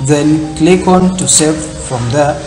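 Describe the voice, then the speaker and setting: Man, tech tutorial host, rambling filler-heavy explanation, fairly high voice, roomy echo, music underneath. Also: takes it slowly. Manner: loose, repetitive phrasing with frequent fillers. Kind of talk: screen-recorded tech tutorial. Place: indoor room, seen in corner webcam.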